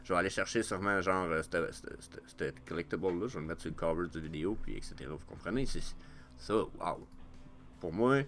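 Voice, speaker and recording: Casting: lowish-voiced Quebec French guy, excitable vlogger, cusses and stumbles through fillers. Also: brisk, slight background noise. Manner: excitable, swears freely, many fillers. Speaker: NFT market vlogger. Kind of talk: casual market commentary.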